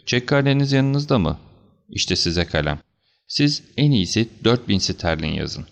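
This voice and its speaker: A man voicing a calm, assured detective who explains things in a measured, slightly stern way, for an audiobook. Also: on the low side, vocal fry, pitched above the performer's own voice, exaggerated voice. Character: calm, assured male detective, cool and deliberate. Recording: slightly dull lo-fi recording.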